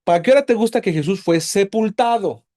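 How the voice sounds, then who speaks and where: A man teaching a Bible class, animated and quizzing his students with lots of questions. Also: high voice, fairly quick. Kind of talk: casual teaching to a group.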